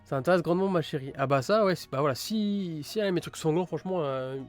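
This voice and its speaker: A man's voice: a little high, fast, faint music behind. A man chatting casually on a live stream, reviewing manga with many fillers and restarts. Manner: enthusiastic about gory titles.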